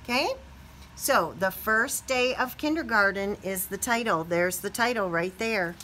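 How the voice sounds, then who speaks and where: The recording is rough, with a slight hiss or hum, and the woman's medium-pitched voice moves at an unhurried pace. She's a middle-aged American kindergarten teacher guiding a read-aloud in a small indoor classroom, talking playfully to the young children with animated, exaggerated questions and reactions.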